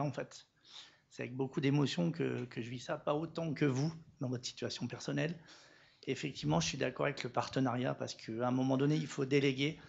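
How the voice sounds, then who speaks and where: A middle-aged man speaking as a social worker from a conference audience, halting and emotional, his voice trembling, with many restarts. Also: medium pitch, vocal fry, dull audio.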